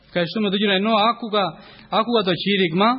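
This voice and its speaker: A man giving a testimony sermon in church, often thanking the Lord and calling listeners brothers, with halting, self-correcting phrasing. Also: sits high, steady tone, slightly rough, muffled recording.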